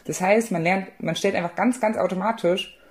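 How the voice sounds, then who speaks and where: A woman's voice: mid-range voice, moderate pace, a little mellow. A young woman from eastern Germany, an author speaking as a podcast guest, talking with many fillers and restarts. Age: young adult. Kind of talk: conversational podcast interview.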